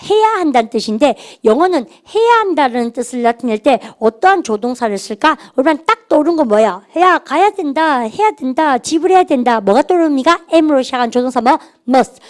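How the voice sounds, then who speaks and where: A middle-aged woman teaching an English grammar class, animated and having students repeat phrases after her. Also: high voice. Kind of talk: classroom lecture.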